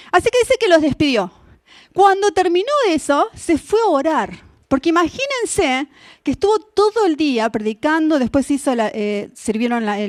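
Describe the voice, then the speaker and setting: A woman with an Argentine accent preaching a sermon in church, telling a Bible story in an animated way, acting out the characters and asking the listeners questions. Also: high-pitched, no room sound, clean studio sound. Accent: Argentine Spanish. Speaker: missionary preacher.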